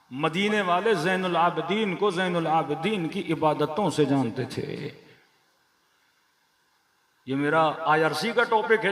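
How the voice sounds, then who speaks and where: A man with a Pakistani Urdu accent preaching a majlis sermon to a congregation, declamatory, with rhetorical questions and rhythmic repeated lists. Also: high-pitched. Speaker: Shia preacher. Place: large prayer hall with a gathered audience. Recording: echoey hall with crowd sounds.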